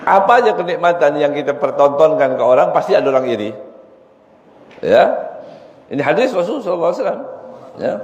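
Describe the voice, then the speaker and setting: A man's voice: fairly high pitch, very animated, quick pace, long pauses, a little mellow. A middle-aged man preaches to a study circle and tells a story, switching voices for the characters as he goes. His voice rings through a large, echoey mosque hall with a long tail. The recording sounds a little dull. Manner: storytelling, acts out dialogue in shifting voices, laughs at own jokes.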